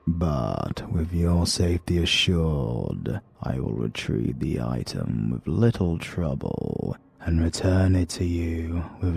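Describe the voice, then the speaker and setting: A man voices a menacing supernatural advocate in a dark audiobook, speaking British English in an extremely deep, husky tone. He talks very slowly and formally with a cold confidence that never cracks. It's a full character voice with no echo.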